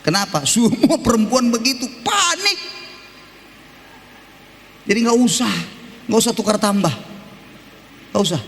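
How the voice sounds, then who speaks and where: A male pastor preaching an animated Sunday sermon, emphatic, breaking into shouted exclamations and humor, in a church hall. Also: high voice, fairly quick, pauses often. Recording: reverberant hall with faint background noise.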